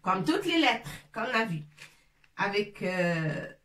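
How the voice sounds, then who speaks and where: A woman teaching letters in French, slowly repeating each syllable for the learners. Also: mid-range voice, sing-song, a bit bright, recorded from a distance. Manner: repeats sounds slowly and drills syllables one by one. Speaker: Arabic teacher. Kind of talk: slow, patient letter-by-letter pronunciation lesson. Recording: echoey room, voice a bit off-mic, faint noise.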